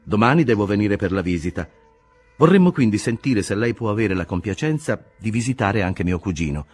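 A man's voice: lowish voice, expressive, brisk, darkish tone, husky, soft background music, voice pushed up. A man doing a dutiful, formal young patient. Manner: formal and respectful.

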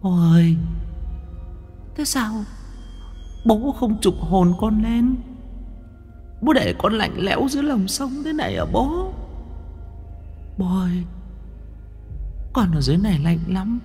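A man's voice: sits high, big pitch swings, takes it slowly, long pauses, dark tone, breathy edge, big-room sound, faint music behind, pitched above the performer's own voice, full character voice. A man voicing the ghost of a drowned young girl, plaintive and coaxing, in a told ghost story. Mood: eerie pleading.

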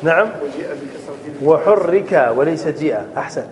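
A man teaching an Arabic grammar class. He repeats key phrases, keeps asking whether it is clear and calls on students to answer. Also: a little high, animated, measured pace, noisy background. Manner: often checks understanding with "clear?". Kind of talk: classroom lesson.

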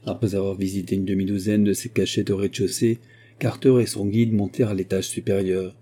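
Guy reading an old novel aloud, steady and measured, low husky dark voice. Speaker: audiobook reader. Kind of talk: scripted narration.

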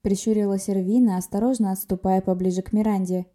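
A woman reading a fantasy story aloud in a lively, expressive way. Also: medium pitch, fast. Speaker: audiobook reader. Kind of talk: scripted fantasy narration.

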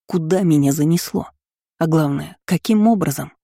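A woman's voice: sits low, moderate pace, creaky, mellow, no echo, clean studio sound. A woman narrating a first-person novel as an audiobook, reading steadily and expressively.

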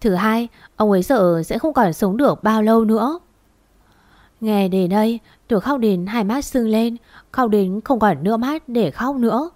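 A woman narrating a dramatic family story in a steady, even storytelling read. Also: on the high side, moderate pace, no room sound.

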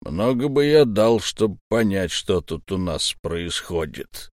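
Audiobook bit: male reader as a gloomy pirate deckhand, low, slow, grumbling. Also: very animated, darkish tone, no echo, studio quality. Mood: sullen. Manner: sullen, slow and muttering.

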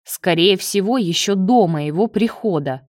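A woman's voice: medium pitch, animated, a little slow, darkish tone, dry recording, clean studio sound, lightly acted. A woman reading the part of a young man who gives terse, urgent orders in a crisis.

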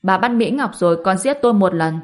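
A woman voicing a young male cultivator hero in an audiobook, cold and sharp. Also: medium pitch, animated, brisk, close to an everyday voice. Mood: cold anger.

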